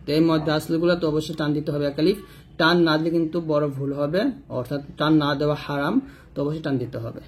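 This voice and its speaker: A man's voice: fairly high pitch, level tone, fast, slightly rough. A man teaching Quran reading, chanting letter-by-letter spelling drills and drawing out the example sounds.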